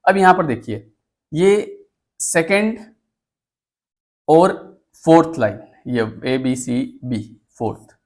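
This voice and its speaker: A man's voice: on the high side, expressive, slow pace, long pauses. A male teacher with an Indian accent giving an exam-prep lecture, explaining patiently and repeating key points. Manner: mixes English terms into Hindi talk.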